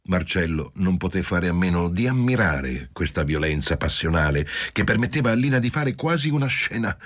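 A man reading a literary novel aloud as an audiobook narrator, steady and measured. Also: low-pitched, no room sound, studio quality.

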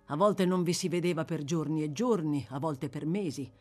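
A woman reading as a stern elderly gentleman. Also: sits low. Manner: measured, accusing, firmly deliberate.

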